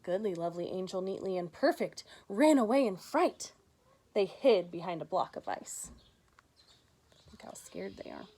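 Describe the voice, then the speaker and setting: In a husky, mid-range voice at a moderate pace, a female teacher reads a picture book to children. Her narration is expressive and animated, sprinkled with chatty asides to the young audience.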